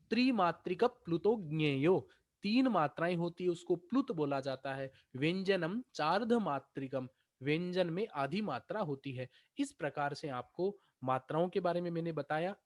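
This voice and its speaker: High-voiced male Sanskrit teacher, patient and repetitive. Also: no echo, studio quality. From India. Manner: explains patiently, repeats points, asks and answers his own questions. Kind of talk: exam-prep grammar lecture.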